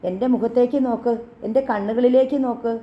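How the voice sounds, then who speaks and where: A woman's voice: on the high side, fairly even intonation, quick pace, natural voice. A woman voicing an earnest, anxious young man in love, who pleads with a trembling voice. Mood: pleading. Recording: dull lo-fi audio.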